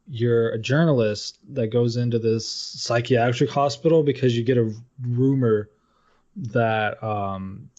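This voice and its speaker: Medium in pitch with a darkish tone, a man talks games casually as a podcast co-host. His manner is informal and profane, with plenty of swearing, and the audio is dull and lo-fi.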